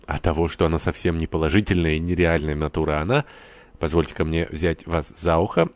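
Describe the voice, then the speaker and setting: A man voicing a talkative, eager village priest in an audiobook, his voice jumping up in pitch. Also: fairly quick, no echo. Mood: insistent.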